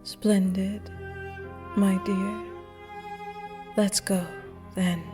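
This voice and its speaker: In an audio roleplay, a woman voices a charming, flirtatious female vampire at a masked ball, speaking in soft, seductive, breathy whispers. Her medium-pitched voice stays level and draws out words over music.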